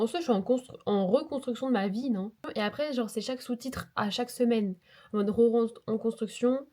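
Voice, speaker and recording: Her voice sits on the high side with a darkish tone, stuffed up and nasal because she's sick with a cold. In a casual vlog she chats and rambles, making self-mocking remarks, captured by a lapel mic into a phone.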